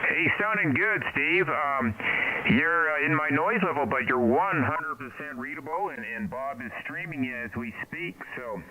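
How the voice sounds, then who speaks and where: A middle-aged man running an amateur radio net as control operator, talking haltingly and procedurally over a two-way radio with static. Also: on the high side, animated, over a noisy crowd. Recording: hissy, narrow-band radio with static. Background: radio hiss and static.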